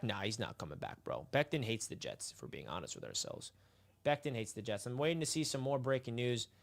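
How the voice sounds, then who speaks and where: A livestream host with a somewhat high, slightly bright voice talks straight to his chat during a casual sports stream outdoors in the sunshine. He comes across as hyped and chatty.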